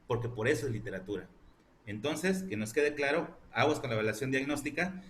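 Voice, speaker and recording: Guy teaching a lit class, mid pitch, asks lots of questions, bit of background hiss. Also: lively intonation, brisk, a bit bright. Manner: explanatory, asks rhetorical questions. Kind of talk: online class lecture.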